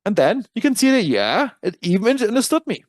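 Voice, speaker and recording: A man's voice: high voice, sing-song, a little fast, dry recording. A man with a German accent presenting a trading dashboard in a webinar, walking through features in a casual, self-correcting way. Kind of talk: software tutorial walkthrough.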